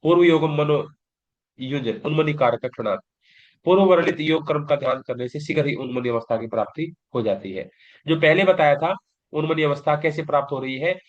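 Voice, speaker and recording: A man teaching a recorded yoga exam-prep lecture, explaining patiently and often asking and answering his own questions. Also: fairly high pitch. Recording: dull lo-fi class recording.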